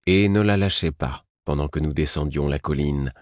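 A man reading a novel aloud in a soft, slow, intimate way. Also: extremely low pitch, no room sound, studio quality. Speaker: audiobook narrator. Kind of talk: scripted narration.

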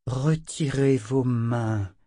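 A man voicing a calm, quietly menacing young woman traveler. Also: medium pitch, dry recording, lightly acted. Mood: cool. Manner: slow and cool.

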